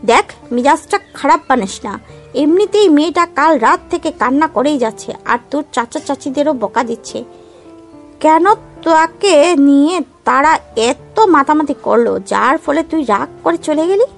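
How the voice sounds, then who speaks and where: A woman's voice: high voice, lively intonation, unhurried, creaky, heavily acted. A woman playing a mother who scolds and urges her son to come home, in a storybook drama. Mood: scolding. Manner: urgent, scolding. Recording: music bed underneath.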